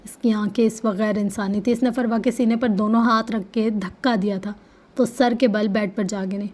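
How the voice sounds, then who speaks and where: A woman reading a dramatic romance novel aloud in a steady storytelling manner. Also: medium pitch. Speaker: novel reader.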